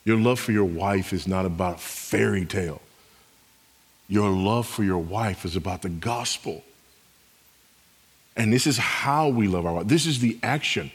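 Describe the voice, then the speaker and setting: A man's voice: on the low side, unhurried, pauses often, breathy edge, in a large hall. A man preaching a sermon as pastor, emphatic, repeating his key phrases.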